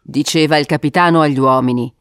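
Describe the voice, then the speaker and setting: A woman narrating an adventure storybook in a measured, expressive reading. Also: low voice, no room sound, clean studio sound.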